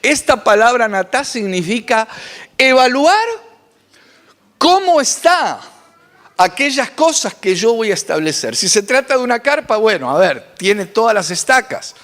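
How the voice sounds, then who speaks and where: Pastor, man, high and lively sermon voice, long hall reverb. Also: unhurried. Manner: animated preaching with dramatic pitch swings.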